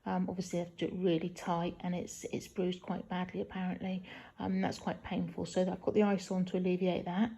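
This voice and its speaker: A woman talking casually in a halting video diary from a hospital room, sounding weak and tired and in some pain hours after surgery. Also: fairly low pitch, little pitch movement, mellow. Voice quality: husky, creaky. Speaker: patient recording a post-op video diary.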